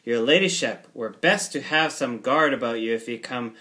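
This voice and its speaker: A mischievous young maid, read by a man in an amateur play reading. He pushes his voice up higher and delivers her lines with breathless urgency. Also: moderate pace, bright, forceful tone, lightly acted. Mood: urgent.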